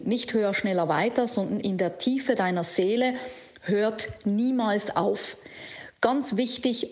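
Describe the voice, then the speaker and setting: A woman coach gives a motivational talk, addressing the listener directly. She speaks slowly and earnestly, leaning on key words. Her voice sits at an ordinary middle pitch. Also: a little mellow. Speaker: life coach. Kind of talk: motivational monologue to camera.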